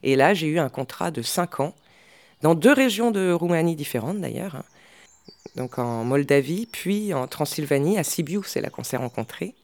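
A woman's voice: low-pitched, lively intonation, moderate pace, darkish tone, no echo. A middle-aged woman speaking as an interview guest, in a hesitant way with frequent fillers and restarts. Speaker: guest, language specialist. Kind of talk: conversational interview.

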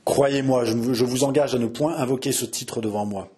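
Storybook: harsh old commander over sixty, gruff and scornful, read by a man. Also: mid-range voice, steady tone, normal speed, warm tone, natural voice. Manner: curt, rough and scornful. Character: old gruff male army chief, harsh and proud. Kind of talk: audiobook character reading.

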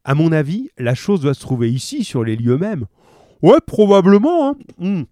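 A man's voice: a little high, sing-song, moderate pace, warm tone, no room sound, studio quality. A man voicing hungry policemen who mumble through mouthfuls while chatting in a kitchen. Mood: gruff. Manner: mumbling, chewing, casual.

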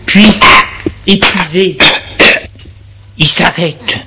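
Male storyteller, dramatic story reading, slow measured delivery, slightly high voice. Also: fairly even intonation, heavy background noise.

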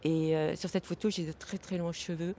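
A woman from Vietnam answering interview questions in a hesitant, halting way with many pauses and fillers, outdoors at a city station. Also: on the low side, flat delivery, warm tone, a little hiss or hum.

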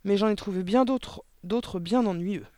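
A man voicing a clever, polite little girl pupil in an audiobook, earnest and matter-of-fact, raising his pitch for her. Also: a little slow, a little mellow, dry recording. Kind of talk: audiobook character voice.

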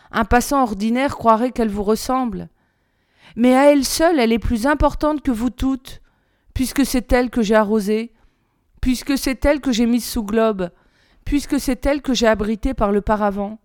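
A woman reading aloud, voicing a gentle, earnest young boy prince from another planet. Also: fairly high pitch, clear, resonant tone, no room sound, studio quality, close to an everyday voice. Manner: earnest, wondering.

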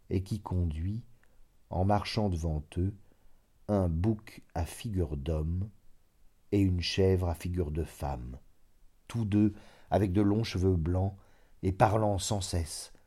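A man reading a literary story aloud in a measured, dramatic narration. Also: lowish voice, warm tone. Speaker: audiobook narrator.

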